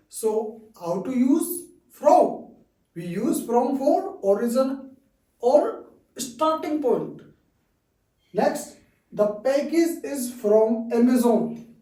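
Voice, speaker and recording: A man's voice: very high voice, dark tone. A man with an Indian accent giving an English lesson, repeating key phrases and checking in with "okay" again and again. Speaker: English teacher. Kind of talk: slow explanatory lesson. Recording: roomy echo, distant mic.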